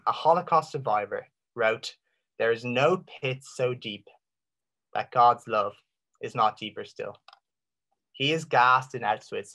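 This earnest faith talk comes from an Irish man whose mid-range voice has a fairly bright tone. Framed as apologetics, it moves through waves of intensity, leaning on rhetorical questions and dramatic pauses.

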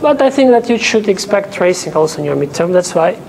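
In a lecture room with a whiteboard and projector, a young teaching assistant who isn't a native English speaker works through a lesson step by step, often checking "okay?" so students follow along. His high, creaky voice has a darkish tone, and he's very animated and fairly quick. The lapel mic picks up a little hiss or hum.

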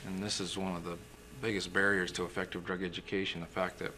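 A young man, a physician guest in a TV studio interview, explaining in a measured way and clearing his throat now and then. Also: sits low, level tone, pushed and bright, a little hiss or hum. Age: young adult. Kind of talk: interview answers.

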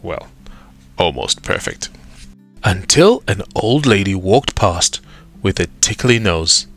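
Male storyteller, very low voice, lively animated delivery, unhurried pace. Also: soft background music. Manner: expressive, dramatic pauses. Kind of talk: children's storybook read-aloud.

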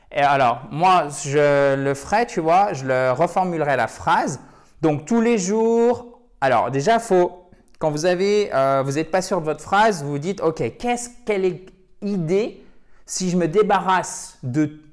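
A man teaching English, correcting a viewer's email and drilling word stress out loud. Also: a little high. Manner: thinks aloud, repeats English words slowly to drill stress.

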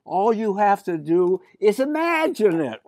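A courteous, formal shopkeeper who calls everyone madam, as an older man reading aloud plays him. His storybook voice lifts and dips in a lively way and sounds close and dry. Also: high-pitched, measured pace, dry recording, voice pushed up, exaggerated voice. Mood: grand.

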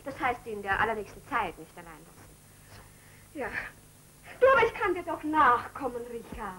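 A young stage singer in a 1939 film drama, high voice that swoops up and down, tender and pleading by turns, tearful at the edges. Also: female voice, sing-song, normal speed, bright, forceful tone, a little hiss or hum, poor audio. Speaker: theatre singer under contract.

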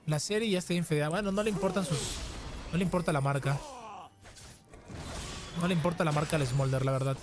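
A man giving casual, excitable gameplay commentary, often taunting opponents in a sing-song voice. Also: fairly high pitch, brisk, pauses often, noisy background. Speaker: gaming streamer. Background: background music.

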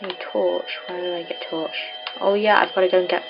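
A young English woman from England plays a game at home as a let's-play gamer, giving casual, self-deprecating commentary to herself over music. Her voice is lowish and flat in pitch, and she talks fast. The mic is dull and lo-fi, with clear noise in the room.

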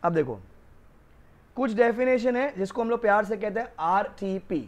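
A man's voice: high-pitched, normal speed, highs cut off. A man with a Rajasthani Hindi accent giving a casual, joking law lecture and calling his students kids. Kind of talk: casual classroom lecture with stories. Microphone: new microphone.

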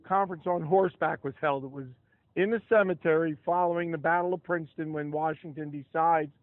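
Older guy doing a walking tour by the road, talks in asides, highish voice, sounds like a phone recording. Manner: chatty, asides and restarts while reading from papers. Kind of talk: outdoor history tour talk. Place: roadside sidewalk outdoors beside traffic. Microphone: camera held close in the crowd. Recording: tinny phone-like outdoor audio.

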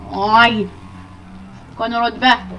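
A woman giving let's play commentary on a racing game, excitable and often shrieking at crashes, talking loudly into a poor microphone. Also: fairly high pitch, lo-fi sound. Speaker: gamer. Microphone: poor gaming mic, speaking loudly into it. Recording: distant mic with faint noise.

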